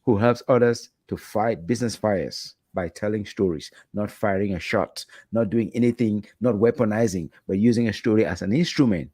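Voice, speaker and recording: A middle-aged man hosting an interview over a video call from a hotel room, asking questions in an animated, playful way with rising emphasis. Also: on the low side, normal speed, few pauses, husky, dry recording. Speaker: host. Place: hotel room while traveling. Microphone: headset with video call, red foam mic.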